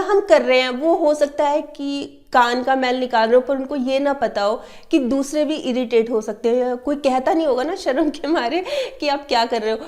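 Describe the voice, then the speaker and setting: A woman's voice: high-pitched, a little mellow. A woman hosting an advice talk, explaining with everyday examples and imitating the habits she describes. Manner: mimics sounds and repeats words to illustrate. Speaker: self-help video host.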